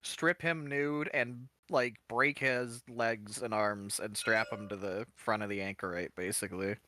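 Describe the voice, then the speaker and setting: A man's voice: lowish voice, steady tone, unhurried, bright, forceful tone, no room sound. A man refereeing a tabletop wargame, explaining rules in a loose, joking way with many restarts. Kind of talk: casual game-table chat.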